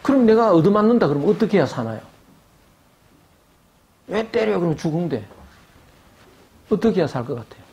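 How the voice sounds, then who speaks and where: A man's voice: on the high side, sing-song, fast, pauses often, a little mellow. An older man giving an academic lecture, asking rhetorical questions and acting out quoted voices.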